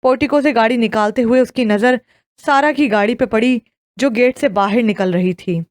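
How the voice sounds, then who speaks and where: A woman narrating an audio novel in a steady storytelling read. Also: on the high side, dry recording, clean studio sound.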